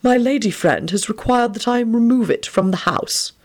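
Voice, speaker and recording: A woman's voice: fairly high pitch, voice pushed up, natural voice. Dumbledore, an old wizard as a woman reader puts him on. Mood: serene. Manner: slow, lofty and mannered. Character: aged male wizard headmaster, drowsy and whimsical.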